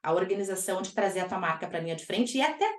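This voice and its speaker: A woman hosting a podcast, chatting casually with an energetic, emphatic delivery. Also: lowish voice, racing. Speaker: podcast host. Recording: echoey room.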